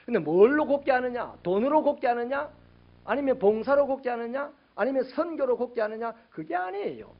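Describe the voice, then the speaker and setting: A male pastor preaching a sermon, animated and sometimes shouting out quoted rebukes to his congregation. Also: extremely high pitch, slightly rough, muffled recording.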